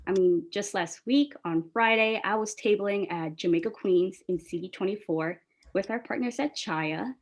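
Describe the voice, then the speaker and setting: The press call is led by a friendly, enthusiastic organizer from New York City who speaks Bangla. She keeps it casual and upbeat, using a medium-pitched voice at normal speed.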